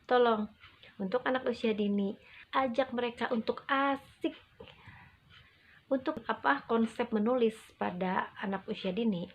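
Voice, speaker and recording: A woman gives instructional talk to parents as an early childhood educator, over-enunciating with deliberate, emphatic phrasing and short pauses. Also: on the high side. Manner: acts out parent and child quotes. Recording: muffled, dull lo-fi audio.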